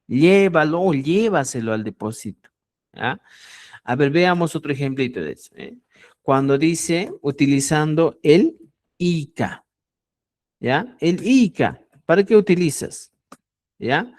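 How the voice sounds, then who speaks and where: A man's voice: a little high, animated, measured pace, a little mellow, no room sound, studio quality. A man teaching a language class, explaining patiently and checking often that students follow. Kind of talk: online language lesson.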